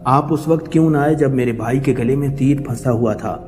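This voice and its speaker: A man's voice: medium pitch, darkish tone, close to an everyday voice. A man voicing a grieving noblewoman who guards her slain brother and pleads in sorrow, in a reverberant recording with music behind. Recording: long reverb with background music.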